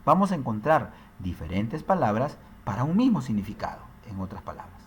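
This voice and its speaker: A male teacher gives an explanatory lesson, his pitch rising and falling freely as he checks in with the listener. A faint hum of background noise sits under the recording. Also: big pitch swings, fairly quick. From Peru. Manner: explanatory, frequent tag questions.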